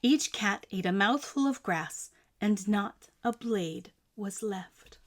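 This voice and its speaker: A woman reads aloud from a picture book like a storyteller, her medium-pitched voice emphatic and expressive. Her phrasing is deliberately paced for kids.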